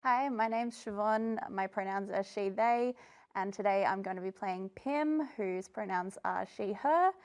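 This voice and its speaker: A woman's voice: mid-range voice, a little slow. A woman talking casually as a player in a tabletop game, informal and a little hesitant.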